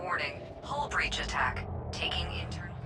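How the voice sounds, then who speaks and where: A woman voicing a calm spaceship computer that gives even, measured warnings and countdowns. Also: lowish voice, over loud music.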